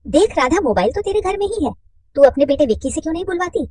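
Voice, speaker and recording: A woman voicing a chatty middle-aged mother with a husky voice. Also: extremely high pitch, big pitch swings, fast, mellow, no echo, pitched above the performer's own voice, poor audio. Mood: eager.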